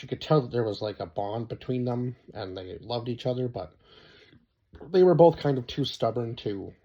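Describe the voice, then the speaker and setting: A man's voice: medium pitch, mellow, muffled recording. A young man giving a casual spoken review of a show, rambling and often stopping to search for names, with lots of fillers.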